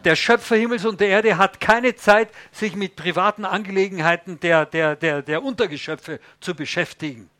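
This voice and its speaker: A man's voice: high-pitched, moderate pace, hardly any pauses, pushed and bright, no room sound, voice pushed up. A man voicing a curt female receptionist who brushes off callers, in a raised, clipped voice. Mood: dismissive. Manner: brusque, dismissive.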